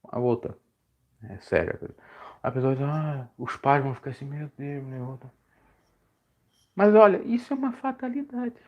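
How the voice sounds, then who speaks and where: A man preaching casually on a live stream, rambling and correcting himself, his voice jumping high when he stresses a point. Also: very animated, normal speed, muffled recording. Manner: rambling, self-correcting, pitch swings high when emphatic.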